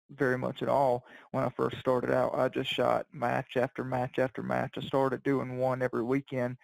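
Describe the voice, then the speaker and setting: Man, podcast guest, very gravelly, flat delivery, easygoing. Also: medium pitch, no room sound, rough recording. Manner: easygoing, Southern "y'all", chatty. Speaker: podcast guest, competitive shooter. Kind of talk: casual podcast interview.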